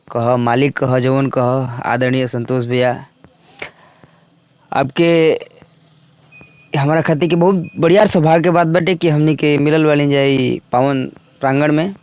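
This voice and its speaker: A young man, a singer and songwriter, answering interview questions in an earnest, unhurried, polite way. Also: medium pitch, darkish tone, clear, resonant tone, dry recording. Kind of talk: casual interview talk.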